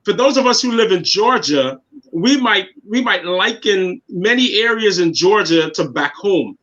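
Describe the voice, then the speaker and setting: A man in his 50s from Guyana, a city councilman appearing as a guest, talks earnestly in a casual interview, repeating words as he finds his thoughts. His voice is bright, high and expressive, at a measured pace, and the recording has a dull lo-fi sound.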